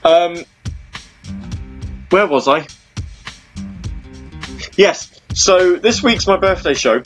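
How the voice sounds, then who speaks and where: A man's voice: sits high, expressive, extremely slow, soft background music. A man in his thirties hosting an internet radio show, rambling chattily with lots of ums and restarts. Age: 30s. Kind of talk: casual chat.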